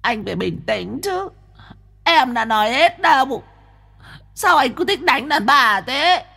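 A man's voice: very high voice, sing-song, gravelly, bright, forceful tone, voice pushed up, exaggerated voice. A man voicing a flamboyant, effeminate ghost who is whiny and dramatic, wailing and drawing out his pleas. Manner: wailing, drawn-out pleading. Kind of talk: audiobook ghost story.

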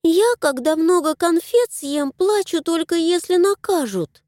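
A woman's voice: very high voice, animated, unhurried, a little mellow, dry recording, clean studio sound, pitched above the performer's own voice. A woman voicing a naive, curious little girl in a storybook reading. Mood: wondering. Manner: naive, wondering.

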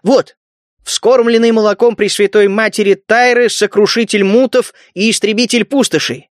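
A man's voice: sits high, steady tone, normal speed, dry recording, studio quality, voice pushed up, lightly acted. A man voicing a cocky, blunt young male wasteland fighter who tells his story boastfully.

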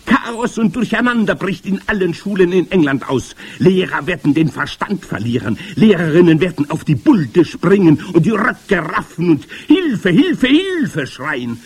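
A man voicing a commanding, evil old witch queen in a storybook reading, with shrill, gloating, theatrical speech. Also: big pitch swings, measured pace, hardly any pauses, slightly rough, exaggerated voice. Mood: triumphant. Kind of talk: audiobook character voice.

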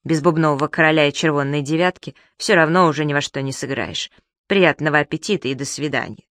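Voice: medium pitch, fast talker, a bit bright, no room sound, clean studio sound, close to an everyday voice. A reader playing a fussy, exasperated grown man who talks in a stern, grumbling way.

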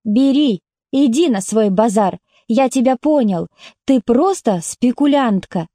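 A woman's voice: a little high, animated, unhurried, warm tone, dry recording, clean studio sound. A woman reading an audiobook, voicing a stubborn young factory worker who talks bluntly and scornfully. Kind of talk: audiobook character voice.

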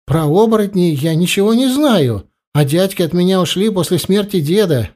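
A man's voice: high voice, lively intonation, normal speed, pitched above the performer's own voice. A man playing a scared but defiant teenage boy who pleads and cries out in fear. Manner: anxious, pleading, shouting in fear.

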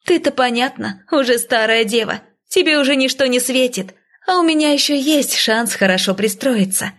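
A scornful, selfish young woman of twenty-two, put on by a woman reading the story, speaks in a sneering, petulant way. Her voice sits noticeably higher than the reader's own. It is a storybook figure with a restless, spiteful temper. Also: moderate pace, fairly bright tone.

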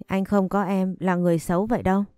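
A woman voicing a gentle, simple-minded young man who talks like a child. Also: mid-range voice, little pitch movement, quick pace, clean tone, no echo, studio quality, natural voice. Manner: naive, childlike speech.

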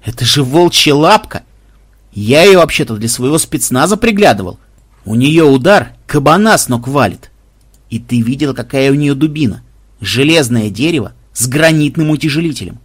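A man reading an audiobook and voicing a gruff, grumbling man who commands a squad. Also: medium pitch, lively intonation, moderate pace.

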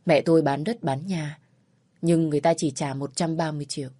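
Husky, dark-voiced woman narrating a sad story. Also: sits low, steady tone, no echo. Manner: slow, sorrowful reading. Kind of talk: scripted first-person story narration. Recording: dry close voice over faint music.

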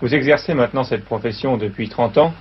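Brisk male interviewer on old worn tape. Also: mid-range voice. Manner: formal, polite questioning. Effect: old worn archive tape. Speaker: journalist interviewer. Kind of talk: archive broadcast interview questions. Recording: dull lo-fi archive tape with clear hiss.

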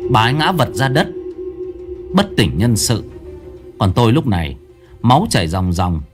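A man's voice: fairly low pitch, sing-song, normal speed, over music. A man narrating a ghost story aloud in a dramatic storytelling manner.

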